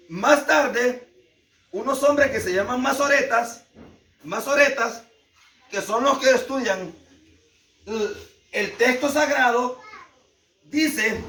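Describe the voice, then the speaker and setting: A man's voice: very high voice, fairly bright tone. A man with a Salvadoran Spanish accent teaching a Bible lesson to a class, repeating key words emphatically and asking the class questions. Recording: echoey room, speaker far from mic.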